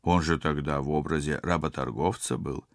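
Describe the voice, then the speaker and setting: A man voicing a calm, matter-of-fact ship doctor in an audiobook. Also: very deep voice, normal speed, no echo, clean studio sound.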